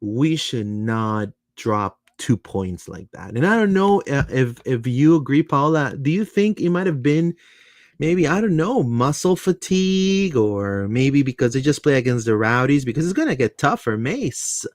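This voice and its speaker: A man in relaxed, hesitant sports chat on a fan show. His mid-range voice is recorded dry and close, with no room around it. He pauses and fills as he talks through the standings. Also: mid-range voice, no echo. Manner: hesitant, chatty, reads fan comments aloud. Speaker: podcast co-host. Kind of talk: casual sports talk.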